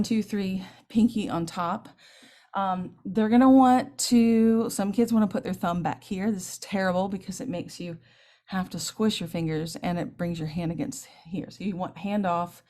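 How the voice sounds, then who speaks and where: A woman in her fifties, a middle school band director, explaining trumpet technique in a lively, chatty way and demonstrating as she talks. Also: mid-range voice. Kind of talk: teaching clinic, explaining technique.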